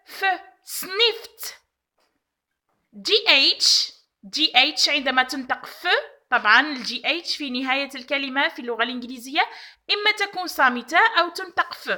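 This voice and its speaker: A woman's voice: extremely high pitch, pushed and bright. A woman teaching an English pronunciation lesson, repeating each example word and often checking in with the class. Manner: checks understanding with frequent rising "okay?". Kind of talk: recorded online language lesson.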